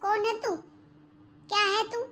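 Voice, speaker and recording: Woman doing a spiteful cartoon sister-in-law, scolding, mocking, high sharp voice. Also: little pitch movement, a little slow, exaggerated voice. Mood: scornful. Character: harsh young sister-in-law, rude and spiteful. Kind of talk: cartoon voice acting.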